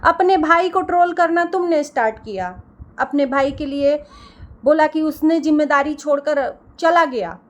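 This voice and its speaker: A woman's voice: high voice, moderate pace. A woman reaction creator delivering a heated, scolding rant and repeating phrases for emphasis.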